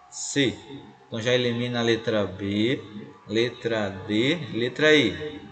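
A man's voice: medium pitch, bright, forceful tone. A male language teacher going over quiz answers, explaining each word step by step and repeating terms aloud. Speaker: Spanish teacher.

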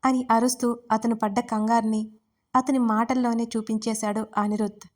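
Woman reading a love story aloud, steady, kinda high pitched. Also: moderate pace. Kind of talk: scripted narration.

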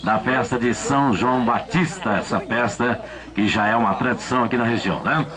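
A man's voice: medium pitch, fairly quick, a crowd in the background. A middle-aged man, working as a livestock auctioneer in a projected voice on a handheld microphone. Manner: repetitive chanting of bids, projected. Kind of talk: cattle auction calling. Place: outdoors by a cattle pen at a country festival. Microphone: handheld microphone held close.

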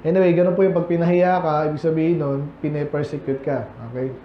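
A man's voice: on the high side, little pitch movement, fast, a little hiss or hum. A man from the Philippines preaching a Sunday afternoon sermon in a conversational way, quizzing his congregation as he goes. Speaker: pastor. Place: church hall. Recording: echoey, slightly dull church audio.

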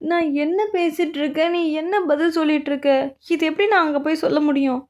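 High-voiced woman, solo dramatized story reading; brisk and expressive. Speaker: voice actor reading all roles.

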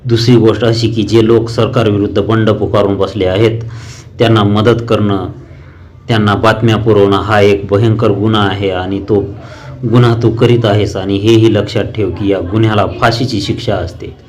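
A man's voice: fairly low pitch, level tone, moderate pace, natural voice. A man reading as an angry domineering son-in-law. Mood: furious. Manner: loud, accusing, stern.

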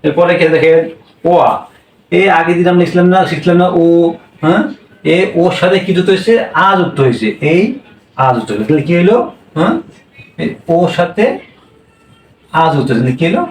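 A man's voice: a little high, brisk, long pauses, reverberant, far from the mic, poor audio. A man teaching a language class, drilling sounds with repeated questions. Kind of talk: classroom lesson.

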